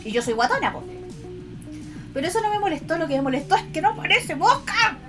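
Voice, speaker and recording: A woman with a Chilean accent chatting casually on a livestream to her viewers, expressive and affectionate in a cutesy, girlish e-girl manner. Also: very high-pitched, fairly quick. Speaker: VTuber art streamer. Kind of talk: casual livestream chat, reading and answering viewers' comments. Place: indoors at a computer. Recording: music behind the voice.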